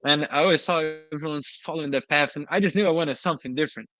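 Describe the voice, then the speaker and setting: A man's voice: a little high, fast talker, sharp tone, poor audio. A young man from Brazil, a guest telling his story in casual, earnest talk over a video call. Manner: earnest, frequent "you know".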